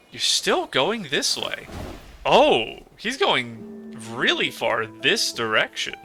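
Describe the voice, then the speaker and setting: A man hosts a let's play with a very bright, sharp voice at an average pitch. He muses casually and thinks aloud, with faint game music behind him. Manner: musing, speculating aloud.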